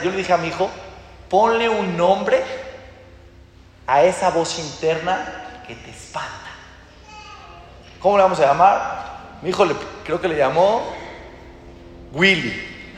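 A man giving a religious talk to an audience. He teaches in an animated way, acting out little dialogues and asking rhetorical questions. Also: sits high, unhurried, pauses often, slight background noise. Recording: very echoey hall with long reverb.

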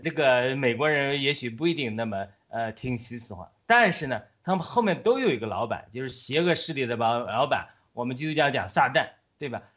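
A man's voice: mid-range voice, animated, fairly quick, few pauses, a bit bright. A man who is a guest on a talk show, animatedly retelling a story in casual speech with frequent fillers and restarts.

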